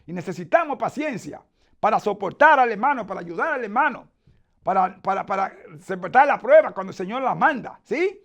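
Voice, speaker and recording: A man preaching in a strikingly high voice, pressing his points hard and keeping his listeners with him by asking again and again whether they follow. He works scripture verses into the sermon from memory. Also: expressive, a little fast, vocal fry. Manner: emphatic, keeps asking the congregation "¿usted ve?".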